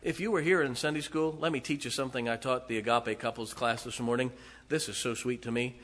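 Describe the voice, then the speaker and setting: Man, 40s, pastor, sermon, emphatic, bright forceful voice, long church reverb. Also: mid-range voice, fairly even intonation, a little fast. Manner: emphatic, swinging loudness, rhetorical questions to the congregation. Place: church sanctuary.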